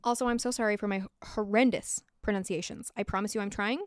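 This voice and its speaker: In a small room with log walls, a young American woman talks into a nearby desktop microphone, narrating a true-crime script informally and throwing in frank opinions. She speaks fast in a mid-range voice with fairly even intonation, and the recording is dry.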